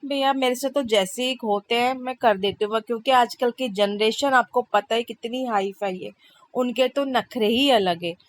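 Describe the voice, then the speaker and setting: A woman's voice: on the high side, normal speed. A woman in her thirties, a mother, narrating her busy day in a chatty, exasperated vlog voice-over. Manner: chatty, exasperated, complaining humor. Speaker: vlogger, mother.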